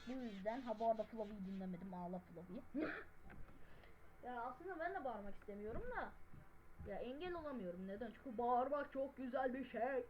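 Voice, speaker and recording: Loud yelling woman gamer. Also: a little high, a little fast, dull audio, background noise. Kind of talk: gameplay commentary. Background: game music.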